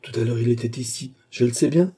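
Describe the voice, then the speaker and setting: A man's voice: medium pitch, a little fast, warm tone, breathy edge, lightly acted. A man reading an audiobook, voicing a haughty, angry young queen with an indignant, commanding manner.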